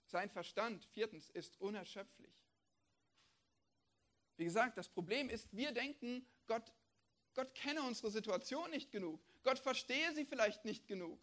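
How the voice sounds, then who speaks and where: A man's voice: sits high, expressive, unhurried. Emphatic male preacher with rhetorical questions. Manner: emphatic, fires off rhetorical questions, swings between loud and hushed. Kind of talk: sermon.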